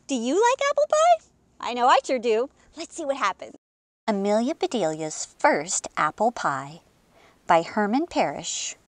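A woman in her thirties hosts a children's story time, reading and chatting with exaggerated, expressive enthusiasm. Her voice sits high, and there's no room sound.

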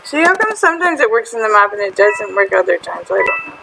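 A woman hosting a casual gaming video, chatty and excitable, often exasperated with other players. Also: mid-range voice, quick pace, gravelly, background noise. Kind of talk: casual gameplay commentary.

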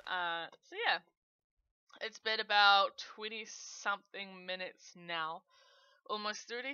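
A woman's voice: mid-range voice, sharp tone, smooth, dry recording, highs cut off. A woman giving chatty let's play commentary on her gameplay, giggling often and narrating each click. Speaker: gaming channel host.

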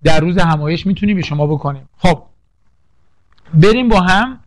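A man's voice: high voice, expressive, no echo. A man teaching a poetry lesson for exam prep, drilling lists and quizzing the class with questions. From Iran. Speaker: literature teacher.

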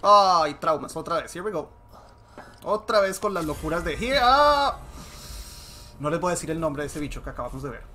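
A game streamer giving excitable live commentary, switching between Spanish and English. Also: mid-range voice, a little fast. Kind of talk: live bilingual gameplay commentary.

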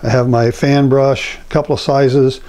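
Older man teaching painting, mellow voice. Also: medium pitch, normal speed. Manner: rambling, relaxed, many fillers and restarts. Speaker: painting instructor. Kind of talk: casual painting demonstration. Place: home painting studio at an easel. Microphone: lapel mic.

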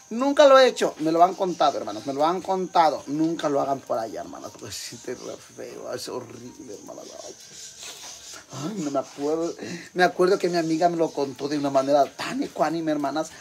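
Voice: medium pitch, lively intonation, brisk, creaky, slight background noise. A performer voicing a crude, boastful Mexican mother with a Mexican accent, rambling gossip to her sisters in a comic monologue. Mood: brash gossip.

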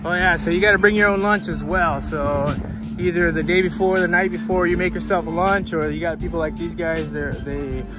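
A middle-aged man narrating a casual travel vlog as he walks outdoors, talking in a relaxed, rambling way with lots of fillers and restarts, holding the camera at arm's length. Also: a little high, brisk, over music. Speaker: travel vlogger. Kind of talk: casual walking tour narration. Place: outdoors by the sea, streets and hotel balcony. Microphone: handheld camera at arm's length.

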